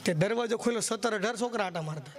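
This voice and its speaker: A man's voice: high voice, racing, heavy background noise. A man doing live folk stage comedy, telling jokes and teasing the audience. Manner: folksy, teasing, acts out characters in raised voices.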